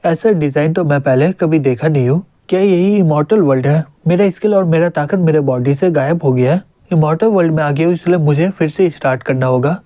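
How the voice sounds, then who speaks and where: A man's voice: fairly high pitch, a little fast, hardly any pauses, mellow, no room sound, natural voice. A man reading a flustered young hero. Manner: flustered inner monologue. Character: flustered young man reborn in an elf world.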